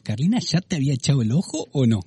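A man's voice: mid-range voice, very animated, fast talker, dark tone, slightly rough, dry recording. A man from Argentina with an Argentine accent, interviewing a guest and prompting him with short encouraging replies. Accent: Argentine Spanish. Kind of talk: conversational interview.

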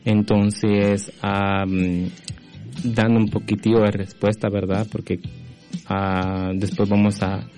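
A man's voice: lowish voice, level tone, slow pace, a little mellow, faint music behind. A young man from Guatemala hosting a religious youth radio program, talking casually and often checking in with his listeners. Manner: friendly, keeps adding tag questions. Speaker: radio host.

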